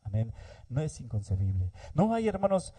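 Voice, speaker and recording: A man's voice: mid-range voice, big pitch swings, normal speed, mellow. A man from Argentina preaching a sermon in church, addressing the congregation and saying amen often. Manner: preaching, repeatedly addressing the congregation, frequent amens. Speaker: pastor.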